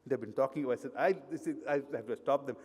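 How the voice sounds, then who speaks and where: A middle-aged man with an Indian accent gives a conversational conference presentation in a hotel hall, full of fillers and restarts. His husky, darkish voice is medium-pitched and fast, with long hall reverb.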